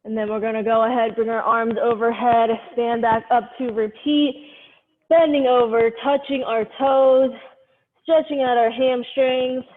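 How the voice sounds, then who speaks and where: A woman with a high-pitched voice instructs a live exercise class, giving direct, step-by-step cues. She speaks into a headphone mic, and the sound is lo-fi and muffled with a long reverb tail. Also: steady tone, a little slow. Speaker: fitness instructor leading a live workout class. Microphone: headphone microphone.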